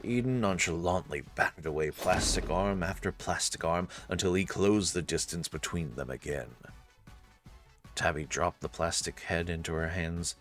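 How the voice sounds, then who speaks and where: A man with a low voice narrates a visual novel at normal speed. His delivery is scripted, dramatic storytelling, with soft music playing underneath.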